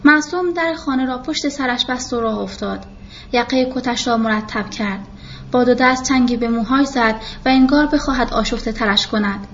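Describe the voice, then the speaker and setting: A woman calmly reading a novel aloud as the narrator of an audiobook. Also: on the high side, muffled recording, slight background noise.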